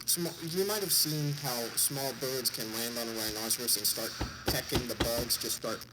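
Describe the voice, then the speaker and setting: Male vlogger, congested nose, mid-pitched, informal jokey explainer, very noisy recording. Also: moderate pace. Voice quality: congested, stuffy-nosed. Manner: jokey, irreverent asides. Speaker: vlogger summarizing a book. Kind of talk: informal explainer talk to an audience. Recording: clearly noisy background.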